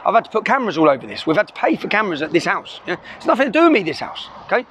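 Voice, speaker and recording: Urgent, fast-talking man. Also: high-pitched, sing-song, a bit bright, slight background noise. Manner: urgent, emphatic, with constant "yeah?" tags. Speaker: vlogger. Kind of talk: impassioned address to camera. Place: inside a car. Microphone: camera filming in the car.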